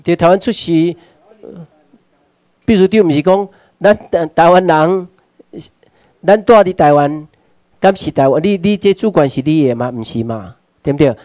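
A man with a Taiwanese accent giving a workshop lecture to a live audience. He puts questions straight to listeners and slips into Hokkien phrases, moving between quiet asides and loud urging. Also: fairly high pitch, moderate pace, long pauses, no echo. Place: meeting hall with an audience.

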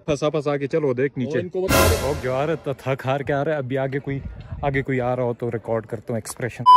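A young man from Pakistan filming a casual travel vlog on a phone held at arm's length, chatting excitably outdoors on a trail and by a waterfall. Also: mid-range voice. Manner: chatty, excitable, often laughing. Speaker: vlogger.

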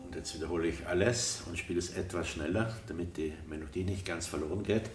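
An older man from Tyrol giving a calm step-by-step ukulele lesson, counting in and explaining slowly. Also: low voice, soft background music. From Tyrol, Austria. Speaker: ukulele teacher. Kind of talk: relaxed step-by-step music lesson. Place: wood-paneled room indoors. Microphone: camera mic at a distance. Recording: echoey room, voice from far off. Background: ukulele playing.

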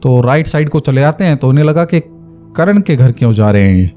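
Mellow man telling a horror story. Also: mid-range voice, animated, a little fast, faint music behind. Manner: conversational, explains terms with asides. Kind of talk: casual spoken storytelling.

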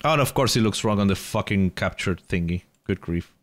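A man's voice: fairly low pitch, animated, fairly quick. A man talking casually on a live stream, exasperated and swearing while he wrestles with screen settings. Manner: exasperated, swears, grumbles about tech trouble. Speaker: game streamer.

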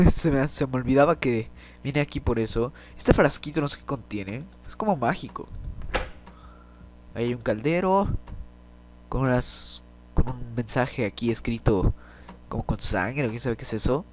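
Un hombre resfriado y congestionado, con acento mexicano, comenta una partida de videojuego; maldice y grita cuando se asusta. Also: male voice, medium pitch, measured pace, long pauses, slight background noise. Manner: jittery, swears, yelps when startled. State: has a cold, congested. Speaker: gameplay commentator. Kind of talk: let's play commentary. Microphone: desk microphone.

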